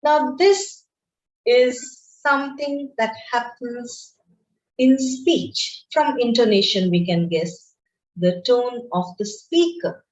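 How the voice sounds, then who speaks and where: A woman lecturer teaching an online class in a slow, deliberate, explanatory way. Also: a little high, darkish tone. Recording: roomy, dull lo-fi screen-share recording.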